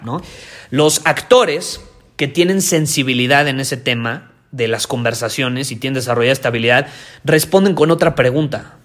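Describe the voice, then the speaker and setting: A young adult man with a Mexican Spanish accent, casually coaching listeners on conversation and acting out example dialogues. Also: mid-range voice. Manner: animated, acts out example dialogues. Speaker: podcast host and communication coach.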